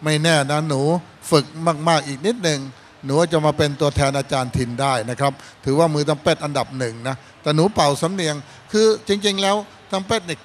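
A man's voice: a little high, slight background noise. A man judging a student band contest, giving fatherly critique and calling the students his kids. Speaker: contest judge.

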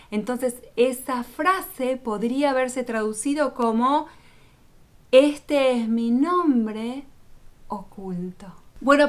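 Woman, religious teacher, patient explainer, unhurried delivery, slightly high voice. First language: Spanish speaker, not Hebrew. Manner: patient, addresses viewer directly.

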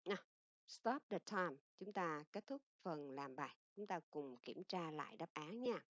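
A woman English teacher with a Vietnamese accent giving a recorded lesson, explaining in Vietnamese and reading English example sentences slowly and carefully. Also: deep voice, lively intonation, dry recording. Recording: dull lo-fi dry recording.

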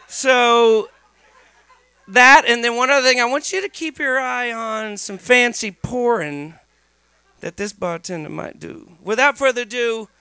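High-pitched, gravelly middle-aged man telling comic stories. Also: no room sound. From Texas. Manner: animated, acting out dialogue, profane. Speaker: storyteller performing on stage. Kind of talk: comedic live storytelling. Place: small dark stage venue, indoors. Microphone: stand microphone, close.

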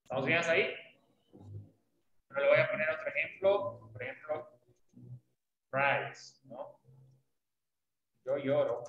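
Slow, patient male English teacher. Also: fairly high pitch, roomy sound, dull audio. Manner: patient, often checks understanding with tag questions. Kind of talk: online English lesson explained in Spanish.

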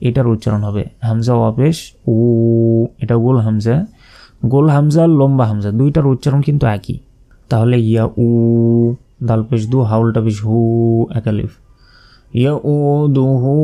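A man with a Bangladeshi accent teaching recitation, spelling out each letter slowly and deliberately, then drawing out the recited phrases. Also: medium pitch, mellow.

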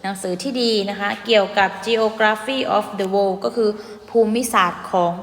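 A woman teacher with a Thai accent giving an online English lesson to primary pupils. She is patient, ends her phrases with polite particles, and slows down to spell out English words. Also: medium pitch, steady tone, roomy sound, long reverb tail, rough recording.

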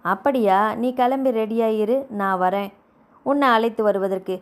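A woman's voice: mid-range voice, moderate pace, lightly acted. Sulky young husband for an audio novel, grumbling and bantering, read by a woman. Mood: challenging.

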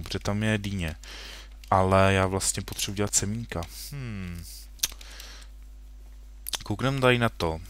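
A man's voice: on the low side, a bit bright, slight background noise. A young man casually commenting while playing a computer game at home, rambling and correcting himself, with jokey asides. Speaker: gaming video host. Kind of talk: casual Minecraft let's play commentary.

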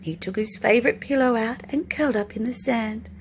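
Reading a children's storybook aloud, a woman narrates expressively for storytime in a slightly high voice at a fairly quick pace. It's a noisy home recording.

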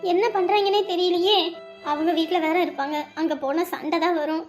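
Actress as a fretful wife and mother, very high voice, music running underneath. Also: fairly quick. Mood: worried. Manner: worried, pleading. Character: anxious adult wife and mother.

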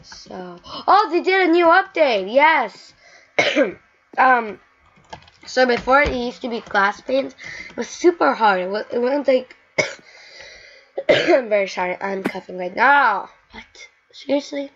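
A woman giving live gameplay commentary, excitable and talking to herself, chanting the same words over and over. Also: on the high side, slow pace, long pauses. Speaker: gaming channel host. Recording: dull lo-fi mic with faint hiss.

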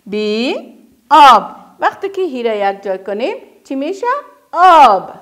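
A woman with an Afghan Dari accent teaching a first-grade reading lesson, stretching out words slowly for children to repeat and praising often. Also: a little high, very animated, a little mellow. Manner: drawn-out, emphatic modelling of words for children to repeat; praises often, asks quick questions and answers them herself. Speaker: primary school teacher.

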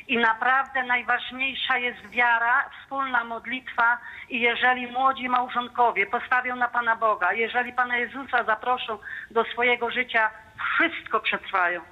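A woman in her fifties calling in to a radio show to give a fervent, devout testimony. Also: on the high side. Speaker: caller. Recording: muffled phone line.

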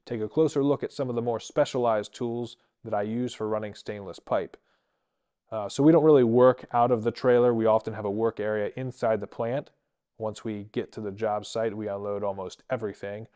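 A man's voice: lowish voice, warm tone, smooth. A man in his thirties, a traveling TIG welder, walking through his workshop tools in a plain, practical way, filmed on a handheld camera. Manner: plain practical explaining, matter-of-fact. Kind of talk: shop tool-tour walkthrough. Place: indoor workshop.

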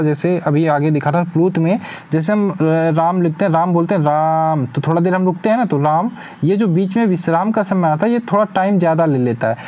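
A man's voice: high-pitched, warm tone. A young man teaching an exam-prep lesson, asking questions and answering them himself. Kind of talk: spoken lesson.

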